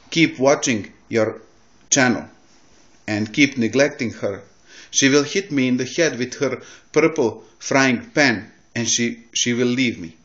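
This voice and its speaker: Slow, halting man from Bosnia. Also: mid-range voice, highs cut off. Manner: halting, searching for words, good-humored. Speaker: video maker thanking a YouTuber. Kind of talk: casual video message.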